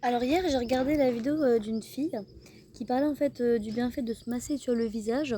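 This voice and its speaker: A woman's voice: a little high, a little fast, warm tone, slight background noise. A young woman rambling through a casual family vlog, with lots of fillers and self-corrections. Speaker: mother vlogging her family day. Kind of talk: casual chat to the camera.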